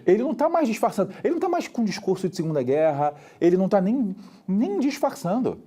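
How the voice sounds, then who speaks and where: A young Brazilian man teaching a lively history lesson, acting out characters in quick street talk. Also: high-pitched, husky. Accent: Brazilian Portuguese.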